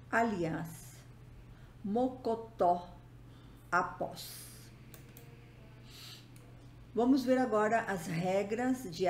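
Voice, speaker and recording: A woman teacher giving a recorded grammar lesson, speaking deliberately and listing example words one by one. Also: mid-range voice, a little mellow. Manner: slow, deliberate, spells out letters and lists examples. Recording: roomy echo, faint background noise.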